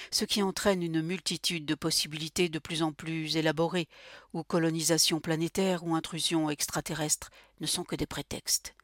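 A host of a literary series reads prepared narration and story passages in a measured, expressive way. The voice sits at a middle pitch and sounds close and dry, with no room around it. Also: dry recording. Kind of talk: scripted literary narration with readings.

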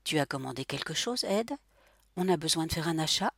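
Ménagère excitée et appliquée, jouée par une femme, voix voilée, son sec. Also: female voice, sits low, brisk, husky, no echo, clean studio sound, full character voice. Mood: eager. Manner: eager, breathless excitement. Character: excitable young housewife, schoolgirlish.

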